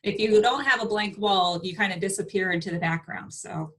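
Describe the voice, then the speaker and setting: A woman's voice: mid-range voice, fairly quick, fairly bright tone, rough recording. A woman leading a team meeting over a video call, friendly and loose, drifting into small asides. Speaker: team leader hosting the meeting.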